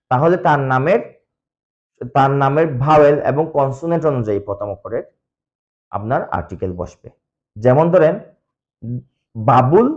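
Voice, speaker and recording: A man's voice: mid-range voice, a little mellow. A man who speaks Bengali natively, teaching English grammar step by step and answering his own questions. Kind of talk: explaining grammar lesson.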